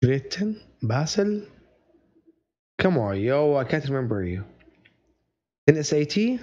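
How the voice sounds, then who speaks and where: A man's voice: fairly high pitch, sing-song, slow, dark tone, highs cut off. A male teacher running a live online revision session, chatty and joking, greeting viewers by name and mixing in Arabic phrases.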